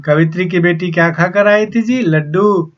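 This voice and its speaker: A male teacher explaining a poem to young pupils, reading the verses slowly and then explaining them, often adding a questioning "na". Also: sits high. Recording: dull lo-fi sound.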